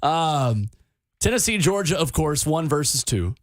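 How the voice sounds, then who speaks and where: Fairly high-voiced man chatting on sports radio. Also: sing-song, unhurried, dry recording, studio quality. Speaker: radio show host. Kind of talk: casual sports radio banter. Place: radio studio.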